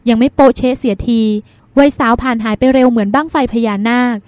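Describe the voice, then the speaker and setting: Lady voicing a dreamy young pretty girl in a storybook, high sweet voice, dry sound. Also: fairly even intonation, brisk, a little mellow, no room sound, close to an everyday voice. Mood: wistful. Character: young woman, dreamy, spoiled beauty, chatty. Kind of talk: audiobook character reading.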